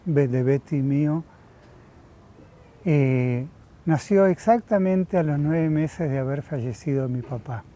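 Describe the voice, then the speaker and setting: An older man, in a slow, unhurried way, pausing often as he thinks. His voice is mellow and sits a little high for a man, and soft music plays faintly underneath. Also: slight background noise. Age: 70s. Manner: slow, thoughtful, pausing often with filler sounds. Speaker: interviewee. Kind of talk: reflective personal testimony.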